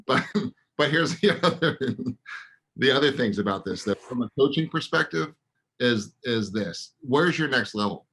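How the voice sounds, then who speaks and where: A man co-hosting a real estate coaching podcast, pressing listeners with punchy, rapid-fire rhetorical questions. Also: mid-range voice, expressive, fairly bright tone, husky, poor audio.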